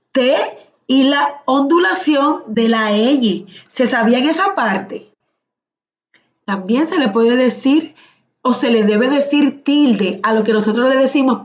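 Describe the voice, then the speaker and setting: Slow, patient woman teaching online. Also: on the high side, dull audio. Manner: patient, questioning, calls on students by name. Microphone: computer mic on a video call.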